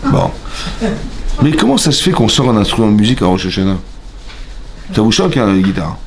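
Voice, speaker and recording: A man teaching a lively Torah class in a synagogue, acting out shouts and sounds and questioning his listeners. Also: fairly low pitch, fast talker, a little hiss or hum. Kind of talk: animated Torah lesson.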